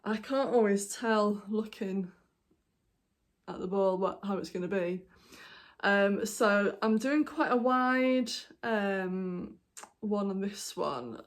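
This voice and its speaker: A woman's voice: mid-range voice, slow pace. A woman hosting a knitting podcast, chatting casually and meandering with lots of ums and apologies while she shows her projects. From United Kingdom. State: hiccuping. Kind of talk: casual show-and-tell vlog.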